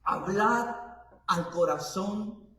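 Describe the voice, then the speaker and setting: A man preaching a sermon as pastor, addressing his congregation with emphatic repetition and building to loud, shouted peaks. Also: sits high, very slow, a little hiss or hum. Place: church sanctuary. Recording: very echoey church hall, voice from far off.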